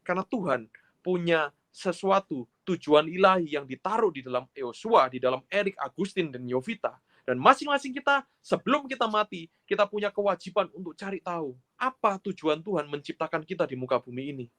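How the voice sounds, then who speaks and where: High-voiced man hosting a casual chat. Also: expressive, fairly bright tone. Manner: conversational, drawn-out questions with casual fillers. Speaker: host.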